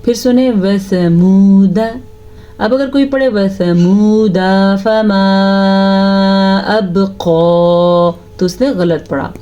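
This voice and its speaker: Woman teaching Quran recitation, mellow lo-fi. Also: medium pitch, hardly any pauses, soft background music. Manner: explains rules patiently, asks "ٹھیک ہے؟" after each point. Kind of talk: tajweed lesson with slow chanted recitation.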